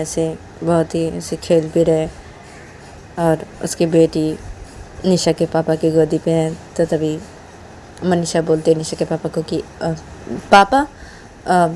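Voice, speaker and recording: A woman host narrating a story softly, in a casual, repetitive way. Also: low voice, slight background noise. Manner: soft, repetitive.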